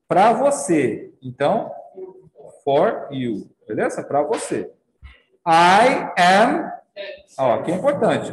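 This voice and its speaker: A Brazilian Portuguese-speaking man teaching English vocabulary, checking in with his students after each point and slowly sounding out the English words. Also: high-pitched, a little mellow, echoey room, rough recording. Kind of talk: classroom lesson.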